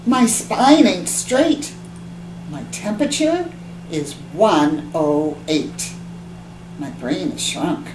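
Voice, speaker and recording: A woman's voice: on the low side, animated, slow pace. Peggy Ann McKay, a woman playing a whiny girl. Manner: dramatic complaining, sometimes near whisper. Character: whiny little girl faking sickness. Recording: echoey room with background hum.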